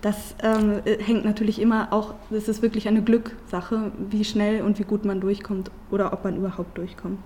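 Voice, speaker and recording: A woman's voice: medium pitch, level tone, moderate pace, hardly any pauses, mellow, slight background noise. A woman moderating a talk, speaking with some hesitation and fillers.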